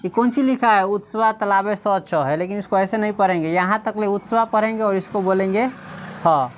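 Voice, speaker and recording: A woman teacher, reading Sanskrit slowly syllable by syllable and quizzing the class again and again. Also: mid-range voice, a little hiss or hum. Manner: repeatedly quizzes listeners, slow syllable-by-syllable reading.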